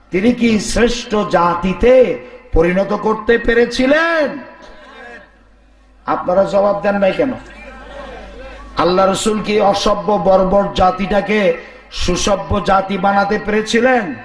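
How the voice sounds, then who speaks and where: A hoarse man delivers a sermon in a high voice, putting rhetorical questions to the crowd and chanting verses. The sound is echoey, as if through a public-address system. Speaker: preacher. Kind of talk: Bengali waz sermon.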